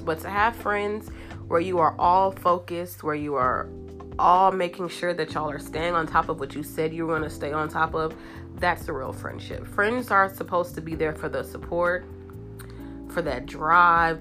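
Low-voiced woman, nasal and stuffed up. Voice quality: nasal, blocked nose. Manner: animated, informal girlfriend talk with emphatic repetition. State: congested with a cold, stuffy pinched-nose sound. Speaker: host of a gossip and girl-talk show. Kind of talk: casual chatty monologue to listeners.

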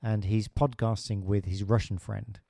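A man's voice: fairly low pitch, fairly even intonation, moderate pace, gravelly, warm tone, no room sound, studio quality. A middle-aged British man talking in a casual podcast conversation, hesitant with many restarts and fillers. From Britain.

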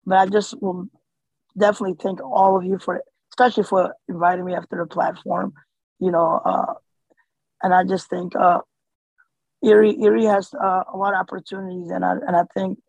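A man's voice: sits high, flat delivery, brisk, gravelly, a little mellow, no echo, low-quality recording. A man born in Somalia and raised in the US, speaking as an interview guest in a casual, hesitant way with many fillers and restarts. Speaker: interview guest, community organizer.

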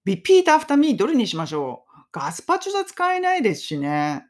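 A woman hosting a casual podcast lesson on English phrases, chatty and upbeat, laughing often and slowing down to drill phrases. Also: lowish voice, wildly swooping pitch.

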